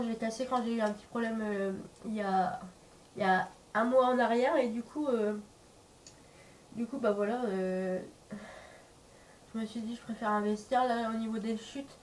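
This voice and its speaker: Her voice a little high and a little mellow, a woman vlogs casually to camera while nursing a cold that has left her nose stuffed and throat sore. She rambles, hesitates, and searches for words, captured by a distant mic with faint background noise.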